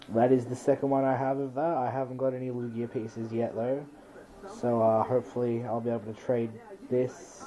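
Unscripted and relaxed, a man goes through a trading card pack-opening video from his bedroom, naming the items one after another in a straightforward manner. His voice is medium-pitched and mellow, and the audio sounds dull.

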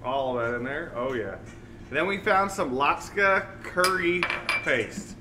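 A man's voice: fairly high pitch, animated, a little slow, distant mic. A man co-hosting a live cooking demo in a restaurant kitchen, upbeat with punchy exclamations. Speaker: cooking show co-host. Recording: loud kitchen noise.

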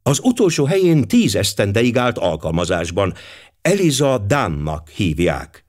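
A man voicing a fussy, talkative middle-aged housewife in an audiobook, raising his voice high for her. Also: wildly swooping pitch. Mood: indignant chatter. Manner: indignant, talkative.

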